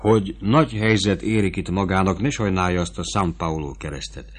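A man voicing a fawning, scheming male court prosecutor who wheedles and bargains eagerly, read in a fairly low voice.

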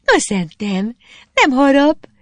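A lively peasant girl, as a storyteller puts her on, teasing and coaxing in a sharply raised, bright voice that leaps all over. Dry, close storybook reading. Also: mid-range voice, no echo, voice pushed up.

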